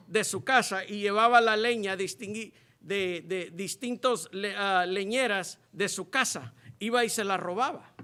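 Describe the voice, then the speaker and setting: Preacher, male, high bright voice, earnest church sermon. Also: clear, resonant tone. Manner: rises to loud emphatic reading of scripture; earnest, halting delivery with restarts.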